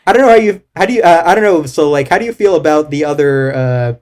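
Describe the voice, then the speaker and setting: A man's voice: a little high, expressive, quick pace, a little mellow. A man in a casual movie chat, talking in a rambling, hesitant way with many fillers. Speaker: co-host.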